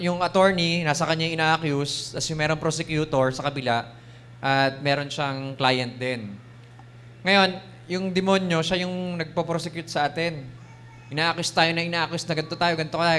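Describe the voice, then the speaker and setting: Filipino guy preaching, chatty taglish style, kinda higher voice, acts out the devil talking. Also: a bit bright, clean tone. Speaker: bishop preaching. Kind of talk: sermon.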